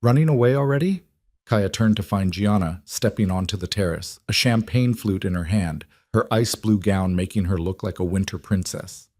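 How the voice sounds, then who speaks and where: Low-voiced male thriller narrator. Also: normal speed, few pauses, no room sound, clean studio sound. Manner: steady, dramatic storytelling. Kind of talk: scripted audiobook narration.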